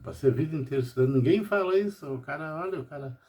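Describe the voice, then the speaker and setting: A man's voice: on the high side, expressive, very fast, dark tone. An older man from Brazil, a pharmacist talking about his life at home in a rambling personal monologue, tagging nearly every phrase with "né?".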